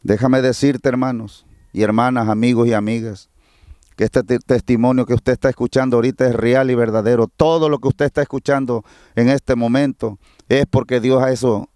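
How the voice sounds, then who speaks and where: A man's voice: medium pitch, level tone, fairly quick, warm tone, dry recording, clean studio sound. A middle-aged man from Mexico with a Mexican Spanish accent, preaching a fervent, repetitive testimony on a livestream.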